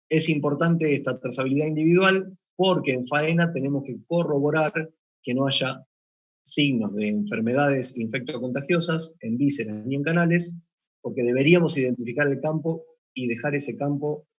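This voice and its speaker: A man delivers a technical conference presentation in a husky, slightly breathy voice of middling pitch. He explains step by step in a measured way, pausing now and then to find a word. The recording sounds dull and lo-fi. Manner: measured, explanatory, occasional hesitations. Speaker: meat plant deputy manager presenting.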